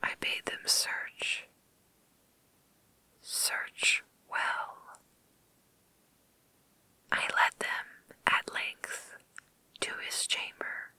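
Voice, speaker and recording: A woman whispers a story in a creepy ASMR style, breathy and unvoiced. Her delivery is extremely slow and deliberate, with crisp, sharp sibilance, very close and dry on the mic. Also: no room sound. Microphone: close microphone.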